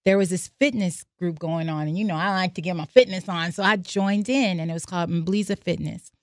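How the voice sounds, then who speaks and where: A woman's voice: fairly low pitch, brisk, dry recording, studio quality. An American woman on a podcast, telling reflective personal stories and reading aloud from her journal. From United States. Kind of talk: casual podcast discussion.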